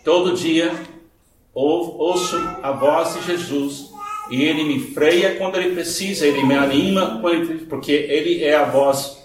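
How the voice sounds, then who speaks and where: A man with an American accent in Portuguese delivers an earnest church sermon at an unhurried pace. His voice is on the high side and carries through a very echoey room. He leans on key phrases, repeating them for emphasis. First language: English. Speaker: guest preacher. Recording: echoey church hall, distant, noisy.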